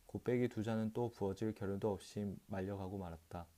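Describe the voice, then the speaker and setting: A male audiobook reader tells a literary short story in a calm, steady way. His voice is low and mellow, soft-edged rather than bright. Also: fairly quick. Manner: calm, steady reading with occasional restarts.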